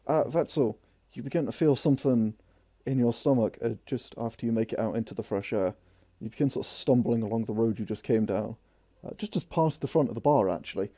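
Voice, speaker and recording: A man narrating as game master in a relaxed, chuckling way. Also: mid-range voice, brisk, hardly any pauses, dry recording.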